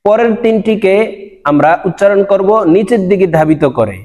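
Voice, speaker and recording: A man teaching a recorded Quran recitation lesson, drawing out and repeating each syllable slowly. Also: sits high, lively intonation, a little mellow, long reverb tail. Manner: slow, drawn-out syllable drills, repeating each sound.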